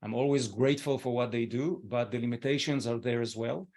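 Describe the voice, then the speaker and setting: Gentle man hosting a webinar. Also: medium pitch, fairly even intonation, a little fast. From Israel. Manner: gentle, encouraging, with frequent fillers. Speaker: webinar host. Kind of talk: online webinar presentation. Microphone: video call.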